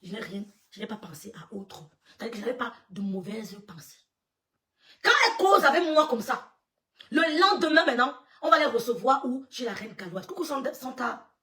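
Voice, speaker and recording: A woman with a fairly high voice tells a long story to her live viewers, acting out the voices of the people in it. She laughs often and stops to greet people as they join. Her voice sounds a little distant from the microphone. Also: very animated, fairly quick, bright, forceful tone. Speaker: livestreamer telling a story. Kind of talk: animated storytelling on a live stream.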